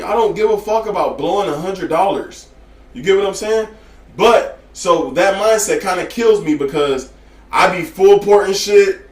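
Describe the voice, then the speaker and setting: A man's voice: high-pitched, reverberant. A man teaching day trading in casual, profane talk, blunt and slangy, often asking if you get what he's saying. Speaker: trading educator.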